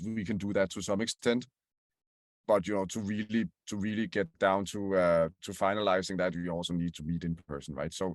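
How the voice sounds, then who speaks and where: A man with a fairly low voice answers questions as a podcast guest. He stumbles and repeats words as he thinks. The recording is dry and close. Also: no echo. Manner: hesitant, repeats words, many fillers. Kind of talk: interview answers.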